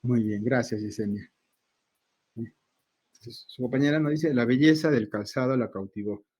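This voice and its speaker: A man's voice: mid-range voice, a little mellow, slightly rough. Male teacher lecturing on a video call. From Latin America. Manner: explains slowly, asks himself students' questions. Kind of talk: online class lecture.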